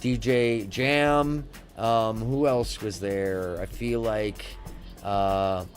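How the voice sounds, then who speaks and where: A middle-aged American man hosting a casual live stream, chatting in a halting, rambling way that often circles back. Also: on the low side, fairly even intonation. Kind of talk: casual chat. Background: faint music.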